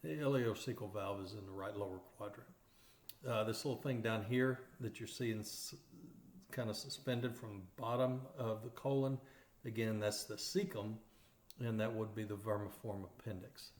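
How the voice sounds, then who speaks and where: A man's voice: fairly low pitch, steady tone, normal speed. A man with an East Texas accent teaching radiography in a lecture over slides, explaining step by step with many fillers and restarts. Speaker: radiography instructor. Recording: roomy echoey recording.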